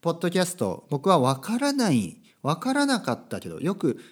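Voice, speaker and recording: Chatty man with a lively voice. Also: on the high side, a little fast. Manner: chatty, self-correcting, asks listeners rhetorical tags. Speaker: podcast host. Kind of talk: casual solo podcast talk. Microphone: podcast microphone.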